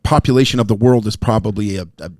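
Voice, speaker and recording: A man in a casual podcast chat who makes quick, blunt remarks. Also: fairly low pitch, darkish tone, no room sound, clean studio sound.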